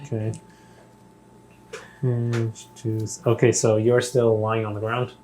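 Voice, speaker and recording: Guy playing a tabletop game, talks stuff through out loud, faint hiss. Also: lowish voice, monotone, slow. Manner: thinking aloud, asks many questions. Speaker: player. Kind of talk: casual tabletop game chat.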